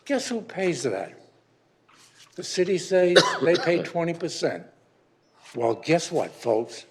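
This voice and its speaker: A man's voice: a little high, very animated, takes it slowly, vocal fry, background noise. Rambling grumbling man in his eighties. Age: 80s. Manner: rambling and grumbling, with frequent restarts. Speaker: public commenter at a city council meeting. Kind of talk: public comment speech.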